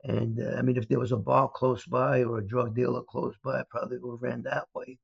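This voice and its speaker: An older Brooklyn man with a gravelly, mid-pitched voice speaks fairly quickly and flatly, rambling with lots of "uh"s and restarts. He's a former mobster turned speaker, appearing as a guest in a storytelling interview. The lo-fi audio is dull and dry, with no room sound.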